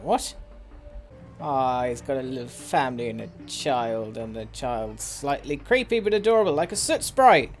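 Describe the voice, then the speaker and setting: A man chatting excitably while playing a video game, reading bits aloud and reacting as he goes. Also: mid-range voice, moderate pace, faint music behind. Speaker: gaming YouTuber. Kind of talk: casual let's play commentary.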